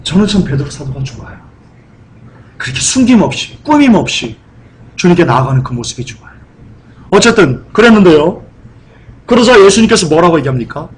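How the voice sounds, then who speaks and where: Pastor guy preaching, voice sits pretty high, keeps throwing questions at the congregation and acting stuff out loud. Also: big pitch swings, fairly quick, pauses often, poor audio. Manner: emphatic preaching full of rhetorical questions; acts out scenes with loud cries and dropped whispers. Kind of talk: sermon.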